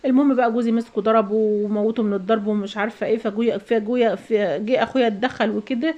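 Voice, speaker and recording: Fast-talking Egyptian woman, lo-fi sound. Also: fairly high pitch, steady tone, a little mellow. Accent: Egyptian Arabic. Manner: rapid chatty venting with advice. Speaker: vlogger, mother. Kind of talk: casual storytelling to viewers.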